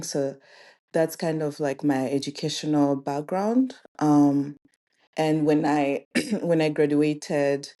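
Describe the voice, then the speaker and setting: A young woman from Rwanda talking about her career as a podcast guest, relaxed and thoughtful, with frequent ums. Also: deep voice. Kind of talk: casual interview chat.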